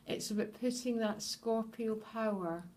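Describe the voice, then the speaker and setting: A woman giving a tarot reading straight to her viewers, earnest and openly emotional, often pausing to check in with them. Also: on the high side, darkish tone. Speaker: tarot reader.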